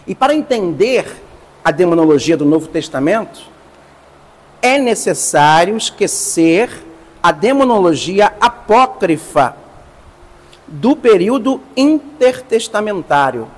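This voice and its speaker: A man, a priest, teaching a class, explaining slowly and stressing each term. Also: high voice, big pitch swings, long reverb tail. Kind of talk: lecture.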